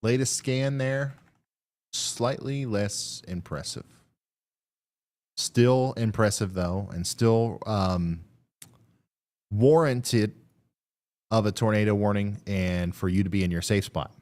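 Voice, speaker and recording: A man hosting a live severe weather stream, talking through radar updates in a halting, thinking-aloud way. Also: on the low side, a little mellow.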